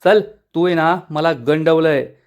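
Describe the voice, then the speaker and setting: A hot-tempered rickshaw driver blusters and makes angry demands, read aloud by a man. The voice is high and quick. It is plainly spoken as a quoted line within a story recap. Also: muffled recording.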